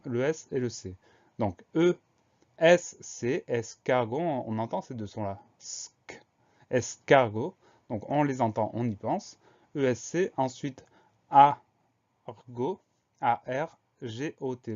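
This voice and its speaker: A man's voice: mid-range voice, a little mellow. A man teaching a spelling lesson for schoolchildren, patiently spelling each word out letter by letter and repeating it. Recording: dull lo-fi recording.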